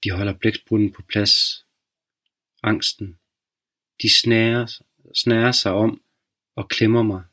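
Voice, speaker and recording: A man's voice: fairly low pitch, little pitch movement, pauses often, pushed and bright. A man voicing a small, frightened little girl in a storybook reading, her cries small and trembling. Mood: numb whisper.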